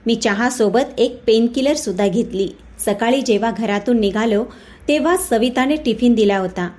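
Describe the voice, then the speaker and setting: Woman narrator, slightly high voice, steady first-person story reading. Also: normal speed.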